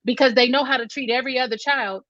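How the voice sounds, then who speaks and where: A woman's voice: high-pitched, steady tone, quick pace, fairly bright tone, no echo. Firm woman moderator, dry dull sound. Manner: firm, outspoken. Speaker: panel moderator. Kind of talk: panel discussion.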